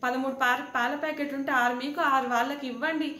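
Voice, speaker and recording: A woman reviewing a reality show in casual, animated talk, addressing the contestants directly. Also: high-pitched, fairly quick. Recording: echoey room with faint background noise.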